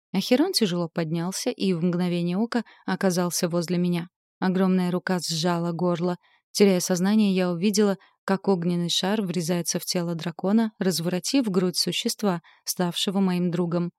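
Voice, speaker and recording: Female audiobook narrator, low and mellow, expressive first-person fantasy read, dry close sound. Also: no room sound.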